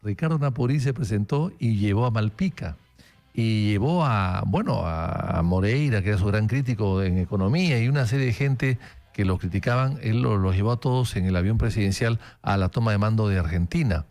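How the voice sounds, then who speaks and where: A man's voice: on the low side, brisk, a little mellow. A man hosting a radio political interview, telling anecdotes with many "eh" fillers. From Peru. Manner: conversational anecdotes, frequent fillers. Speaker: radio host.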